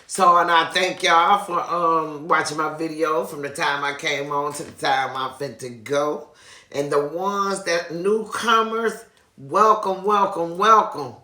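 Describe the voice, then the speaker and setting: Recorded in an echoey room, a person with a pushed, bright, mid-range voice chats casually and effusively to viewers as a video host, repeating phrases often.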